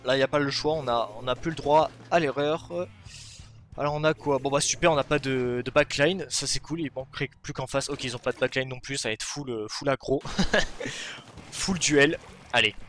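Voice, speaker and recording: A man giving live commentary on his own online match, excitable, shouting at plays and then talking himself down, on a desk or headset mic. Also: medium pitch, moderate pace. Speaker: gaming video host.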